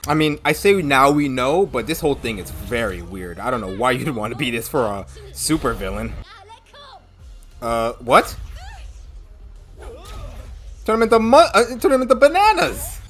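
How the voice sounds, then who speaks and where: A woman giving casual, expressive reaction commentary as the host of a video, often exclaiming. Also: low-pitched.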